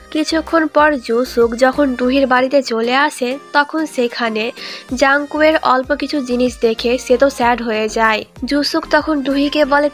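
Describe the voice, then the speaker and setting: A woman's voice: sits high, fairly bright tone. A woman narrating a romance drama recap, reading every character's lines in her own voice. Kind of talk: scripted story narration. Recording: faint music behind.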